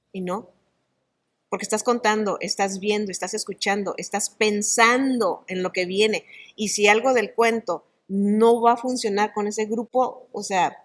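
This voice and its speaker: A middle-aged woman, an actress and oral storyteller, talking in an interview in an animated, expressive way. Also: mid-range voice. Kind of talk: conversational interview.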